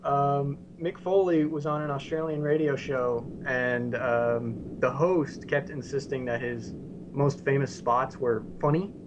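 A man's voice: medium pitch, measured pace, dull audio, background noise. An American man co-hosting a casual wrestling podcast, making dry sarcastic quips. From United States. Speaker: podcast co-host.

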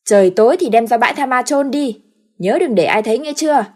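A woman's voice: on the high side, expressive, a little fast, darkish tone, pitched above the performer's own voice. Woman voicing an older patriarch, angry, scolding, commanding.

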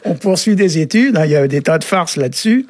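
A man explaining word meanings on a radio show in a relaxed, halting way, often pausing with filler sounds. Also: on the high side, breathy edge, no room sound, studio quality. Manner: halting, often adds "hein" and "euh". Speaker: Breton language expert on a radio show.

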